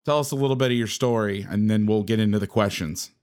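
A middle-aged man hosting a coaching podcast, talking casually in quick, upbeat patter. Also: fairly low pitch, a little mellow. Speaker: podcast host.

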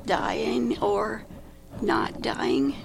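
Woman, very slow and halting, gravelly breathy voice, noisy background. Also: mid-range voice, very animated. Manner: halting, searches for words, repeats short agreements. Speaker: group member. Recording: clear background noise.

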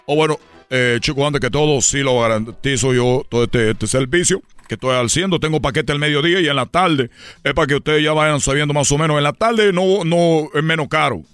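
A man with a somewhat high voice spins a rambling comic tale on a radio show. He gets excitable, stammers and repeats himself for laughs, with faint music in the background. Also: a little fast, smooth. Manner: rambling, excitable, stammering story with running jokes. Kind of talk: comedic radio storytelling.

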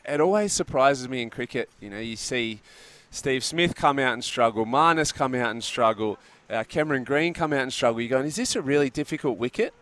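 A man's voice: medium pitch, moderate pace, hardly any pauses, fairly bright tone, clear, resonant tone. A man with an Australian accent hosting sports talk radio in a conversational style on a close studio mic. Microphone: close studio broadcast microphone.

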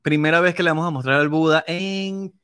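A young man hosting a casual live chat with friends, excitable and joking. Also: a little high, a little fast, clear, resonant tone, no room sound, studio quality. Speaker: podcast host. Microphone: desk mic, live stream.

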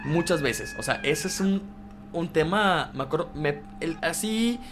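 A man in his twenties with a Mexican accent, a podcast guest telling a personal story in casual chat. He talks in an animated, slangy way, halting often to restart his words. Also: on the high side, faint music behind. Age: 20s.

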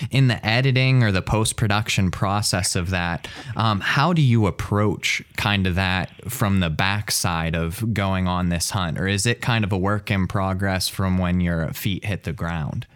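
A man's voice: deep voice, unhurried, few pauses, fairly bright tone, smooth. A man hosting an interview, asking long questions with hesitant fillers. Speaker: interview host. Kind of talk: casual interview talk.

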